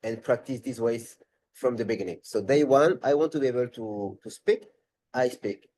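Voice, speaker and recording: A man's voice: mid-range voice, moderate pace, darkish tone, a little hiss or hum, rough recording. A man with a French accent, a language tutor talking in a live webinar, thinking aloud and rephrasing as he goes.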